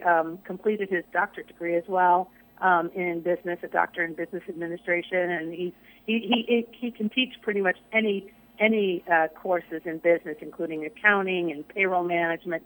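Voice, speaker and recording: A woman who serves as a college chancellor chats casually on a radio show, upbeat despite losing her voice, and fills her speech with lots of "ums." Her voice is lowish, and the audio quality is poor.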